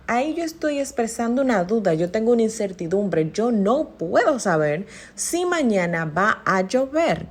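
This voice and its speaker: A woman's voice: on the high side, darkish tone. A woman teaching a grammar lesson, explaining patiently with frequent fillers and examples.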